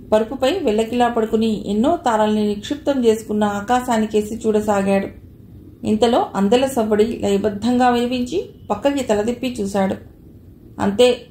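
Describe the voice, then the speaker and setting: A woman's voice: on the high side, slight background noise. Woman storyteller in an echoey room. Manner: smooth, steady storytelling. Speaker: narrator. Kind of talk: reading a novel aloud.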